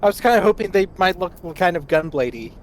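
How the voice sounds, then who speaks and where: A man's voice: high voice, lively intonation, fast, slight background noise. A man chatting casually as he plays a game with friends on a call. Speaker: gamer in a group call. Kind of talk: casual gaming chat.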